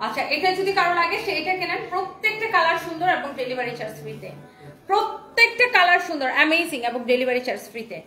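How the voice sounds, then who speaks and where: A woman's voice: very high-pitched, sing-song, fast, bright, forceful tone, faint music behind. A woman hosting a live sales stream, reading viewer comments aloud in an enthusiastic, chatty patter. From Bangladesh. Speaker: online saree seller hosting a live stream. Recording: roomy echo.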